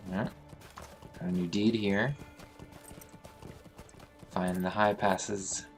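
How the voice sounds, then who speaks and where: Low-voiced man rambling through gameplay. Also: fairly even intonation, extremely slow, faint music behind. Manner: meandering, thinks aloud with many fillers. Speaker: let's play host. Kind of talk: casual gameplay commentary.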